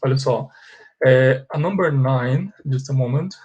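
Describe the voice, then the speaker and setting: Brazilian male English teacher, online grammar lesson, mid-pitched voice, slow careful reading of examples. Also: darkish tone, slightly rough, muffled recording. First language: Portuguese. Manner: explains in Portuguese, reads English examples slowly.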